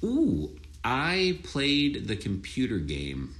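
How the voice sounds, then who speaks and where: A man's voice: mid-range voice, wildly swooping pitch, drawn-out words, a bit bright. A man in his thirties co-hosting a movie podcast, talking casually and rambling with fillers. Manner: laid-back, rambling with fillers. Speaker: podcast co-host. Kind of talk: casual chat about movies.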